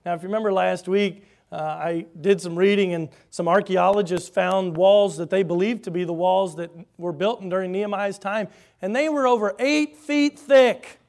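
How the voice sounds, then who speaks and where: A man preaching a sermon, animated, slipping into mocking voices when he quotes the scoffers. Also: sits high, normal speed, gravelly, few pauses.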